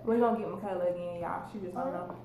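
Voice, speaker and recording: A woman's voice: fairly low pitch, fast. A woman hosting a casual mukbang vlog, chatty and laid-back, talking straight to her viewers. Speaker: vlogger and host. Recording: echoey room with faint noise.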